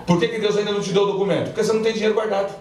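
A man's voice: high voice, fairly even intonation, very fast. A male pastor, preaching a call-and-response sermon and mixing in jokes while he gets the congregation to repeat after him. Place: large church hall with congregation. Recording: echoey church hall, from far off, crowd audible.

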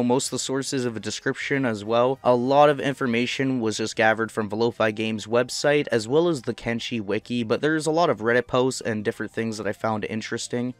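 A man's voice: medium pitch, no room sound. Man reading gaming facts, dry close sound. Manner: reads facts in an even list cadence. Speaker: gaming channel host. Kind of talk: scripted gaming narration.

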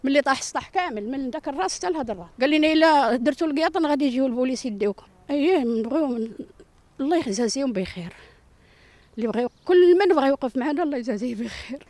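A woman's voice: sits high, expressive, rapid-fire, darkish tone, no room sound. An older woman with a Moroccan accent, giving a distressed, repetitive plea in a street interview into a handheld microphone. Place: outdoor rubble-strewn yard. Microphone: handheld reporter microphone.

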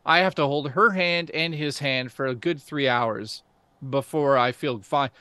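A man's voice: fairly high pitch, a little slow, sharp tone, smooth, no room sound. Guy hosting a chill podcast, gets hyped telling stories, dry mic. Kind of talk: casual chat and storytelling.

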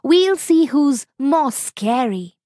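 A woman voicing a small, sly, clever male fox in a storybook reading, high and boastful. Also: animated, slow, mellow, dry recording, studio quality.

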